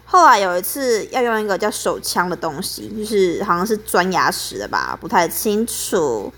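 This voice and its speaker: A woman's voice: mid-range voice, sing-song, normal speed, fairly bright tone. A young woman, telling a story as a podcast host in a chatty, aggrieved way.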